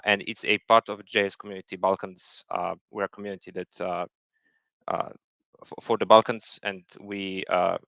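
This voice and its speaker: Hesitant man, low and gravelly. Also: pushed and bright, no echo. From Serbia. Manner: many fillers and repeated words. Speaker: software engineer presenting a talk. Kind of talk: hesitant technical presentation. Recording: dull lo-fi sound.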